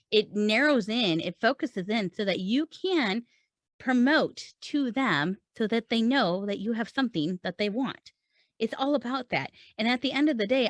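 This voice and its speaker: This woman's mid-range, slightly bright voice comes through on a dry recording as she hosts a podcast coaching writers. She talks conversationally but emphatically, using rhetorical questions and speaking directly to the listener in an instructional way.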